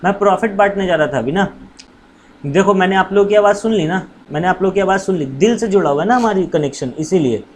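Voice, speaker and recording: A man's voice: high-pitched, fast talker, slight background noise. A male commerce teacher giving a casual, playful lesson, teasing his students and calling them "babu".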